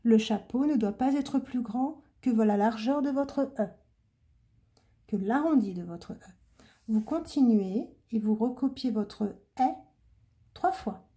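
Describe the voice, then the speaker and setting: Slow, patient woman teaching handwriting. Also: on the high side, warm tone. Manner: slow, patient, clearly articulated dictation. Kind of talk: handwriting lesson, step-by-step instruction.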